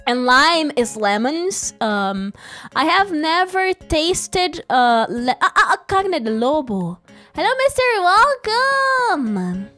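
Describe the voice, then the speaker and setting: This young Brazilian woman, a native Portuguese speaker, has a high, sharp-toned voice with big pitch swings and a slow delivery. She giggles a lot and rambles in a casual, playful live stream chat while faint music plays.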